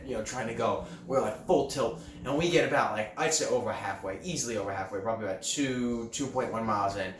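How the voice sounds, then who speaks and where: Young man, somewhat low voice, animated swearing storyteller, echoey room, faint background noise. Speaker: vlogger. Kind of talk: casual storytelling. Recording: roomy, distant mic with faint background noise.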